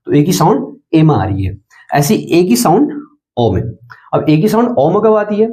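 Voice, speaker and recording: A man's voice: a little high, mellow. A man teaching English letter sounds in a patient, explanatory lesson, spelling words out letter by letter.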